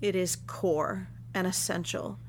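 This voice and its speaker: A woman co-hosting a religious podcast as ordained clergy, talking in a chatty, expressive way with jokey asides. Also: fairly low pitch, unhurried, slight background noise. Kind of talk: casual religious podcast chat.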